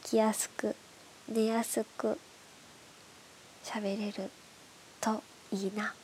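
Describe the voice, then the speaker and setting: A woman with a stuffed-up, nasal voice from hay fever, hosting a bedtime radio show in soft, breathy, casual chat that often drops toward a whisper. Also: mid-range voice, little pitch movement, slow pace, rough recording. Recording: clearly audible background hiss.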